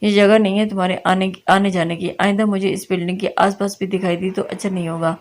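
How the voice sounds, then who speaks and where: Woman reading a stern young male boss, cold, commanding, level pitch. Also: little pitch movement, fast, natural voice.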